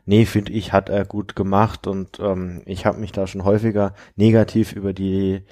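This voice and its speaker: A man's voice: sits low, level tone, normal speed, mellow. A man co-hosting a podcast, talking in casual conversation. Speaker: podcast co-host.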